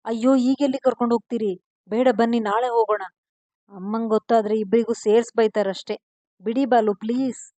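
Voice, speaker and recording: A woman's voice: mid-range voice, little pitch movement, moderate pace, long pauses, dark tone, no room sound, lightly acted. A woman voicing Pallavi, a shy young wife. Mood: pleading.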